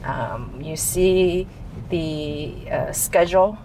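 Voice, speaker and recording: A woman's voice: low voice, drawn-out words, a little mellow, slight background noise, rough recording. A woman who grew up in Taiwan, answering interview questions in a chatty way with frequent laughs and restarts. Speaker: interview guest, chief information officer.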